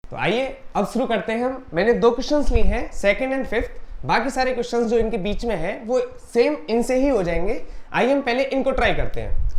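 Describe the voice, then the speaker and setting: Lively-voiced woman maths teacher. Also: fairly high pitch. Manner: explains patiently, mixing English maths terms into Hindi; reads formulas aloud slowly, word by word. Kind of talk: step-by-step board lesson.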